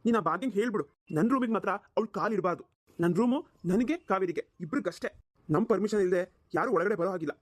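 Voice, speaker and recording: A woman's voice: mid-range voice, fast, no echo, close to an everyday voice. A woman voicing a flustered young husband in a cartoon, pleading and exasperated. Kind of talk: cartoon voice acting.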